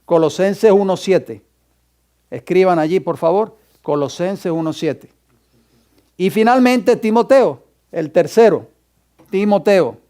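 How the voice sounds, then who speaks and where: Male pastor in a church classroom, high clear voice, teaching and dictating verses to students. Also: lively intonation, slow pace, pauses often, mellow. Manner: quizzes the class and dictates scripture references. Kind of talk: Bible class lecture.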